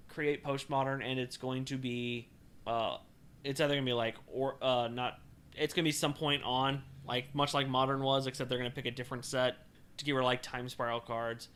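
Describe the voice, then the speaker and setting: Bright-voiced rambling male podcast co-host. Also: mid-range voice, fairly even intonation, normal speed, smooth. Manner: rambling, many fillers and restarts. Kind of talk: casual chat about card games.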